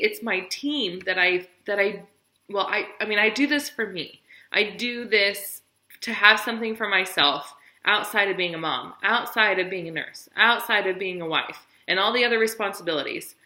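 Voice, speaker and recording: A woman's voice: medium pitch, pushed and bright, reverberant, rough recording. A woman in her thirties telling her personal story in a vlog, earnest and encouraging, tired and near tears at times. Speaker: vlogger sharing her weight-loss business story.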